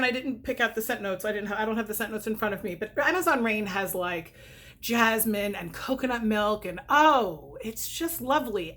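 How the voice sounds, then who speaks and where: A woman's voice: a little high, a bit bright. A middle-aged woman chatting casually about products, rambling and candid, with whistling, slightly spitty s sounds. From lives in New York, United States. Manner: rambling, self-correcting, candid. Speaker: vlogger and direct-sales consultant reviewing products.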